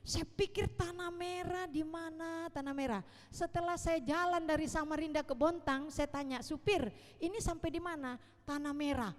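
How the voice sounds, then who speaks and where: Woman preacher, East Kalimantan Indonesian accent, high voice, animated and questioning, church reverb. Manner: animated, rhetorical questions to the congregation. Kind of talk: sermon. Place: church hall. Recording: long reverb of a church hall.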